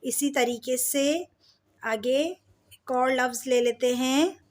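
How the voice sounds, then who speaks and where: A woman teaching a slow alphabet lesson, patiently stretching out each example word for her pupils. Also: high-pitched, darkish tone. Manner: patient, drawn-out words for pupils. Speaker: Urdu teacher.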